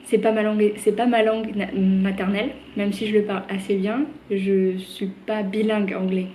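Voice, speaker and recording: Talking casually to camera, this young vlogger from France rambles with many fillers and restarted sentences. She has a mellow, mid-range voice with a level tone and normal speed, plus slight hiss or hum.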